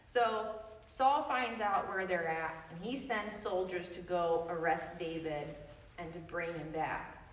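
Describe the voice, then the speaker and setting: A woman leading a Bible study in a casual, chatty way, full of loose asides and quick laughs. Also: on the low side, roomy sound, long reverb tail, recorded from a distance, low-quality recording.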